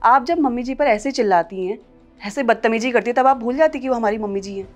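An actress playing an outspoken young daughter-in-law who scolds and confronts others in a family short film. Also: female voice, on the high side, quick pace, soft background music, lightly acted. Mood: confronting. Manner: confrontational, scolding, rising loudness.

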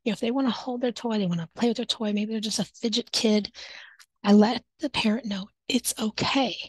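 A woman's voice: mid-range voice, fairly even intonation, quick pace, a little mellow, dry recording, rough recording. A native English-speaking woman who teaches English online, chatting casually to camera with tips. She acts out classroom exchanges and sometimes drops into whispered asides.

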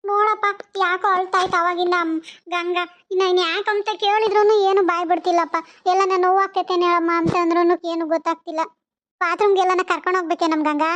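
A woman's voice: extremely high pitch, little pitch movement, quick pace, fairly bright tone. A woman voicing a fussing, anxious mother-in-law. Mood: worried. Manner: coaxing, worried questioning. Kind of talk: cartoon voice acting. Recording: dull lo-fi recording.

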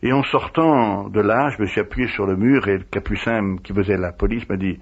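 On a dull, lo-fi radio recording, a priest shares old memories in an interview, acting out the conversations with lively energy. His husky voice sits lowish and moves at a normal speed.

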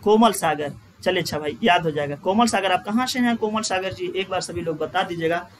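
Male online tutor, high-pitched, joking asides to viewers, stretches vowels when chanting. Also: fairly quick, slight background noise. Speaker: teacher. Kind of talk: live online Sanskrit grammar class.

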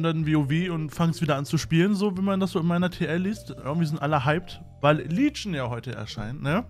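Youtuber guy joking around at home, kinda high voice, rambly, soft music in the back. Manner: playful, jokey, rambling with many fillers. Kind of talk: casual vlog chat. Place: room at home with a fan.

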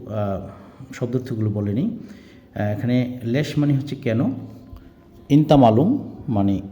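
A man's voice: mid-range voice, warm tone, long reverb tail. A man teaching spoken phrases step by step, patiently repeating each phrase and explaining word meanings. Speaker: language teacher. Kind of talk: spoken language tutorial.

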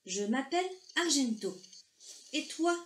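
A woman voicing a tiny, curious and brave little silver fish boy in a storybook reading, high and chirpy. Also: animated, a little slow, roomy sound, a little hiss or hum.

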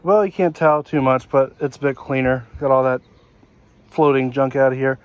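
Noisy, lo-fi action-camera audio records an American vlog host in his thirties chatting folksily as he shows off a residential yard. He speaks at a moderate pace in a steady, mid-range voice while filming handheld outdoors.

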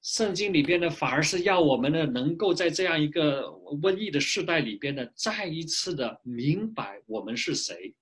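A man with a somewhat high, husky voice delivers a sermon. His pitch rises and falls with real animation, and he sprinkles short filler particles between phrases. He sounds like he is talking to a webcam in a small home office. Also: moderate pace, hardly any pauses. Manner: lively preaching with frequent filler particles. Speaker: pastor. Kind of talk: sermon with consecutive interpretation.

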